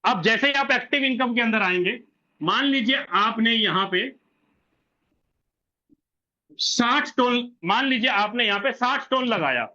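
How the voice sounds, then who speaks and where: A man's voice: very high voice, measured pace, long pauses, sharp tone. A man explaining a plan step by step at a whiteboard, repeating himself and answering his own questions, on a dull lo-fi recording. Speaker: presenter explaining a referral plan.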